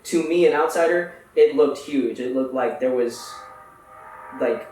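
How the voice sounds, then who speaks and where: A man's voice: mid-range voice, unhurried, darkish tone. A young man from Houston, a podcast guest, talking in a laid-back, slangy way with lots of fillers. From Houston, United States. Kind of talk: casual interview chat. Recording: echoey room, far from the mic, faint noise.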